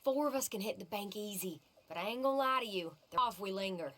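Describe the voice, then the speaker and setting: A woman's voice: mid-range voice, lively intonation, fast, a bit bright, a little hiss or hum, natural voice. A woman playing a bold, teasing American outlaw in a Western video game, with a sassy, theatrical manner. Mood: confident, teasing.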